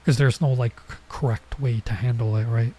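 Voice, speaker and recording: A man with a medium-pitched, dark voice offers casual let's play commentary on a visual novel at a moderate pace and fairly even intonation. He is coming down with a cold, leaving his voice nasal, and he wanders off into chatty tangents.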